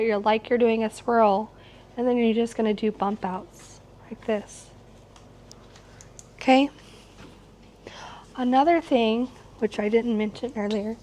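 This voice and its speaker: Slightly hoarse, higher-pitched woman teaching. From United States, located in Missouri. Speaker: quilting instructor. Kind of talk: informal hands-on class demonstration. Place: shop workroom with warehouse shelving, small seated class. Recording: clear background noise in shop room.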